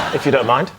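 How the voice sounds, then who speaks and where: Hesitant man with West Midlands accent. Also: medium pitch. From West Midlands, England. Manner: hesitant, flustered, laughing. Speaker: panel show guest. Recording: loud studio audience and noise.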